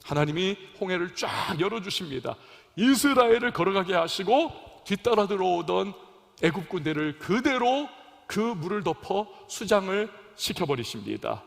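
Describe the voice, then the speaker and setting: Animated, high-voiced young male pastor preaching. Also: moderate pace, creaky, big-room sound. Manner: preaching with call-and-response to congregation; dramatic swings between loud emphasis and soft drops. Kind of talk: sermon. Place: church sanctuary.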